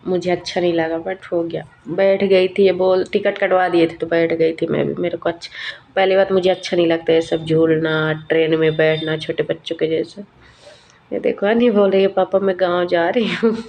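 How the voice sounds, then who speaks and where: A chatty young woman narrates her family vlog in a low, fairly level voice. She tells her story in a relaxed, conversational flow. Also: normal speed, gravelly, a little hiss or hum. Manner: chatty, storytelling, laughs often. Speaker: vlogger and mother.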